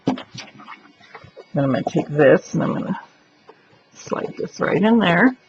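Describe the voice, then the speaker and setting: In a dull lo-fi recording with faint noise, a craft tutorial presenter walks through her project step by step. Her voice is on the low side with lively intonation, and she takes it slowly, chatting and thinking aloud as she works.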